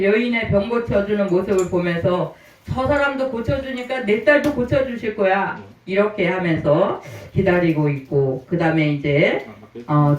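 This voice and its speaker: A man's voice: high voice, darkish tone, muffled recording. Man preaching in an echoey church. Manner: storytelling preaching, rhetorical questions to the congregation. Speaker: pastor. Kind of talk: sermon. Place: church sanctuary. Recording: roomy church, mic at a distance.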